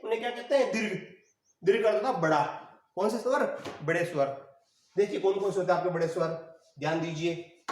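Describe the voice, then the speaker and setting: Male teacher, repetitive drilling lecture style; roomy, distant recording. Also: sits high. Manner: repetitive, rhetorical questions answered himself. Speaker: Hindi teacher. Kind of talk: classroom lecture. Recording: echoey room, mic far off.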